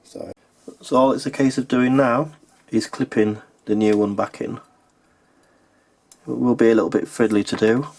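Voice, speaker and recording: With long pauses, a man at medium pitch and normal speed narrates an informal repair how-to, his darkish voice fairly even in intonation. He's a technician and video host talking matter-of-factly as he works with his hands, in a clearly noisy recording with clicks.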